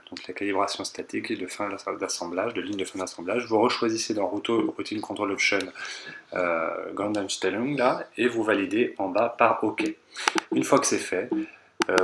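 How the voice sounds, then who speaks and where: Bright-voiced man explaining car steps. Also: on the low side, a little hiss or hum. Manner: patient, repeats steps, hedges his own interpretation. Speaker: car tech tutorial maker. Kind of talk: step-by-step voice-over tutorial.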